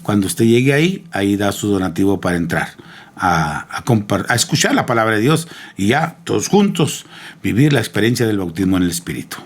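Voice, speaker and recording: A middle-aged man, hosting as a lay preacher and delivering a sermon-style meditation with fervent repetition and rhetorical questions, his voice climbing high when impassioned. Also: very animated, a little fast. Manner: swings to a high, raised pitch when impassioned. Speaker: lay preacher and show host.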